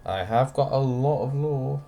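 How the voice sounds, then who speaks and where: A man's voice: mid-range voice, unhurried, vocal fry, mellow. A young man casually chatting to viewers by name while he streams a game, dry and wry in manner. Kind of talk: casual live-stream chat while playing.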